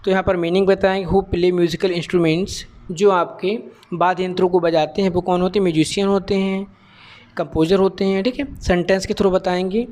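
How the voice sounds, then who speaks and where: A high-pitched man walks trainee teachers through a lesson plan. He mixes Hindi with terms. He reads the sample questions and answers slowly and deliberately. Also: fairly even intonation, a little mellow. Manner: reads English sample lines slowly, then explains in Hindi mixed with English. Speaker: teacher educator.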